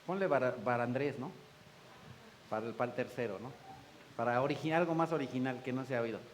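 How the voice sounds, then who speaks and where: A man's voice: medium pitch, brisk, slight background noise, rough recording. A man preaching a sermon in church, folksy, joking with the congregation and acting out the voices he quotes. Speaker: pastor.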